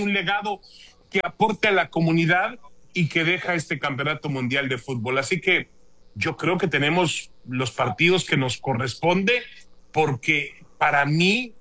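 A man's voice: on the high side, pushed and bright. A man with a Mexican accent, a panelist making a firm, critical case. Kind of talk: opinion panel discussion.

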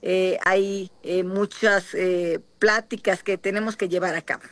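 A woman with a Mexican accent from the Guerrero coast answers questions in a broadcast interview. She speaks in a measured way and pauses often. Her voice is dry and close, with no room echo. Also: mid-range voice, steady tone, fairly bright tone. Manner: measured, many filler pauses. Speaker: interviewed senator and candidate.

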